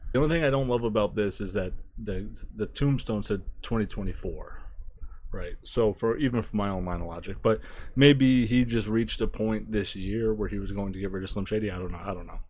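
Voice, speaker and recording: A man giving a casual spoken album review, thinking aloud, restarting phrases and trailing off quietly. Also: lowish voice. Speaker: music reviewer.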